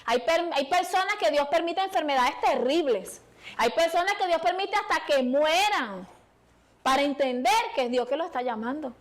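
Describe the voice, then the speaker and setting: Woman preacher, high voice, fervent sermon, small church, pleading with the congregation. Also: animated, moderate pace.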